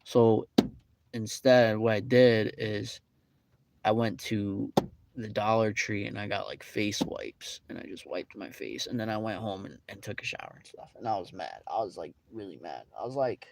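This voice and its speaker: A man's voice: on the low side, moderate pace, gravelly, no echo. A young man casually telling a rambling, indignant story with many fillers. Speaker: vlogger. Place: fast-food restaurant.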